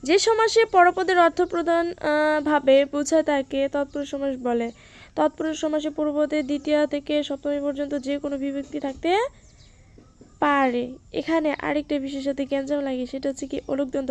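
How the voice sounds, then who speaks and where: In this exam-prep lesson, a woman with a high, steady voice speaks at normal speed. She drills listeners, asking and answering her own questions and having them repeat after her.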